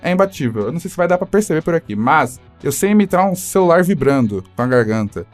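A man's voice: fairly high pitch, sing-song, fast talker, soft background music. A Brazilian man telling a story in a casual chat among friends, acting out the voices and laughing often. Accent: Brazilian Portuguese. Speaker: podcast guest telling a story.

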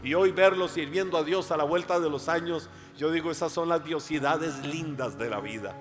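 A man with a Costa Rican accent, a pastor preaching a slow, emphatic sermon that swells loud and high. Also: long reverb tail. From Costa Rica. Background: soft instrumental music.

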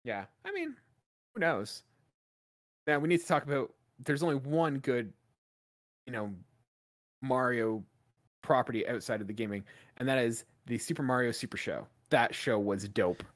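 A man talking casually on a podcast from a remote call. His pitch swings widely as he talks, and he rambles, stacking fillers as he works through his thoughts. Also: normal speed, pauses often. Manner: rambling, animated, lots of "like" fillers. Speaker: podcast co-host. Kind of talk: casual chat.

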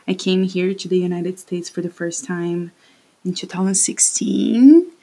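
A Brazilian woman in her late twenties hosts her own podcast, rambling through a casual solo monologue while standing at a home mic. Her Brazilian Portuguese accent colors a low, gravelly, mellow voice, and she speaks at a measured pace, sounding self-conscious.

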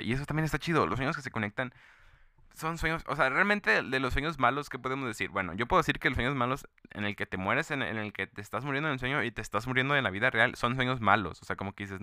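Bright, rambling young Mexican man. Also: mid-range voice, smooth, no echo, studio quality. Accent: Mexican Spanish. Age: young adult. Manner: rambling, full of fillers and restarts. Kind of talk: casual monologue.

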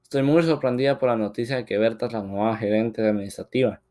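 A man's voice: medium pitch, fairly even intonation, fast talker, darkish tone, natural voice. A man voicing a young woman who is frustrated at work and close to tears. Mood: aggrieved.

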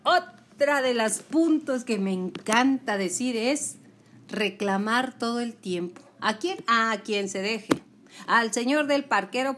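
A woman giving a motivational talk. She speaks in an animated way, with emphatic repetition, and acts out the complaints she quotes. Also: on the high side, slight background noise.

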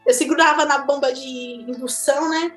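A woman with a Brazilian Portuguese accent, chatting casually as she tells her own birth story, animated and quick to laugh. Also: sits high. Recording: echoey room with faint music.

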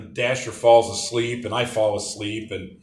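A man's voice: on the low side, steady tone, takes it slowly, recorded from a distance. A middle-aged man reminiscing casually about college days, telling long rambling stories with many restarts. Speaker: interviewee, former athletic trainer. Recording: roomy echo.

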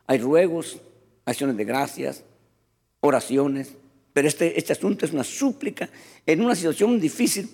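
A man preaching a sermon as pastor, animated and often addressing the congregation as brothers. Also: a little high, gravelly, husky, long reverb tail.

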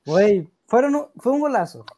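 A man's voice: very high voice, sing-song, normal speed, warm tone, a little hiss or hum. A young man with a Mexican accent, a podcast co-host scolding and mocking his friend in casual sports banter.

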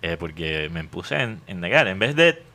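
A man's voice: deep voice, big pitch swings, normal speed, pushed and bright. A man co-hosting a talk show, chiming in with short support lines and explaining the clips they play. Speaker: co-host.

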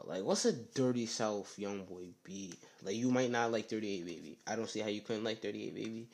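A young man hosts his own podcast alone, chatting loosely and circling back on himself. His voice sits on the low side and he keeps it subdued, peppering his talk with slang and filler phrases. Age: young adult. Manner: rambling, slangy, often says "you know what I'm saying". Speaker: podcast host. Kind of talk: casual solo podcast chat.

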